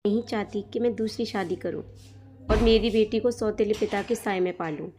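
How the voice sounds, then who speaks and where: A woman voicing a young widowed mother who is gentle but protective, speaking earnestly in a Hindi storybook. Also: medium pitch, normal speed, lightly acted. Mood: firm.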